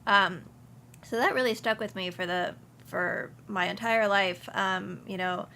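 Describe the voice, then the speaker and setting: Guesting on an interview, this young Houston insurance agency principal talks casually, frequently restarting and saying um. She speaks unhurriedly at medium pitch, her voice pushed and bright with vocal fry, against a faint hiss or hum.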